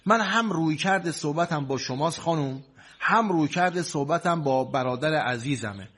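A man with a fairly high voice plays a cleric counselor. He lectures a couple in a preachy, soothing tone and stacks his advice in repetitive lists. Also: animated, fairly bright tone, slightly rough. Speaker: cleric marriage counselor in a sketch. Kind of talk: comic sketch, preachy advice.

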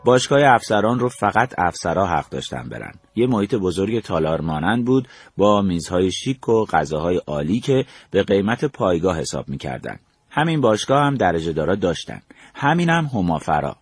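A man's voice: deep voice, sing-song, breathy edge. An older man from Iran recounting his memories as a storyteller, acting out the dialogue he quotes. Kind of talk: spoken memoir narration.

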